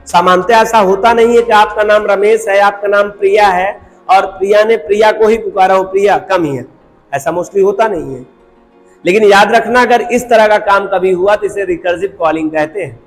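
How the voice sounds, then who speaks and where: Guy teaching a coding class, voice sits high, lots of repeating and rhetorical questions, long echo, faint music under it. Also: normal speed. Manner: repetitive, asks rhetorical questions, mixes English terms into Hindi. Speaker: programming teacher. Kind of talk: recorded lecture.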